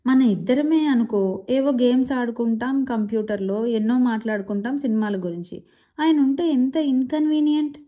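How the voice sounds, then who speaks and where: A woman's voice: on the high side, moderate pace, highs cut off, pitched above the performer's own voice, close to an everyday voice. A woman voicing a sulky, sarcastic teenage girl who whines and mocks. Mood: eager. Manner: petulant, mocking.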